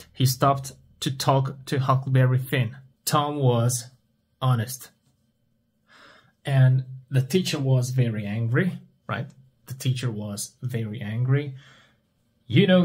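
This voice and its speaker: A man teaches at a very unhurried pace. His voice is husky and mid-pitched. He asks a question, pauses, and then answers it himself in simple words. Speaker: English teacher. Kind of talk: slow question-and-answer language lesson.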